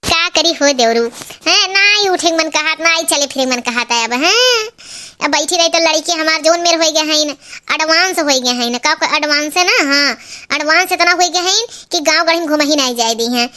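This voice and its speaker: A woman playing a shrill scolding old mother-in-law. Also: expressive, moderate pace, bright, forceful tone. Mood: tired. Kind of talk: cartoon voice acting.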